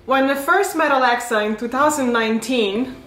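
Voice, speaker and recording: A woman's voice: sits high, moderate pace, fairly bright tone, soft background music. Giggly young woman in an echoey room. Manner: chatty, giggly, fumbles words. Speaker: co-host of a couple channel. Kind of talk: casual chat. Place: living room.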